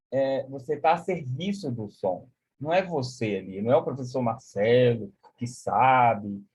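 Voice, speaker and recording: A man's voice: mid-range voice, darkish tone, husky. A man giving a live online music lesson, explaining concepts with many "né?" and singing solfège syllables. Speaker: music teacher. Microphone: video call.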